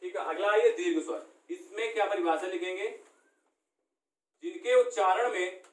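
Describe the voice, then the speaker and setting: A man's voice: sits high, moderate pace. A man teaching a classroom lesson, asking questions and answering them himself. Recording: echoey room, far from the mic.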